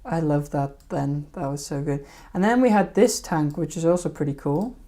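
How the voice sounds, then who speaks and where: A woman's voice: low voice, moderate pace, warm tone. A woman hosting a fishkeeping live stream, rambling casually and hesitantly over her old videos. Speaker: fishkeeping channel host.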